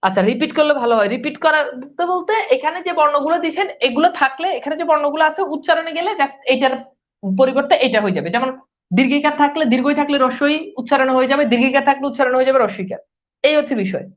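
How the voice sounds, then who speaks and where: A woman's voice: high voice, expressive, rapid-fire. A woman teacher giving a live online class, asking questions and answering them herself and repeating key points. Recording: dull lo-fi sound.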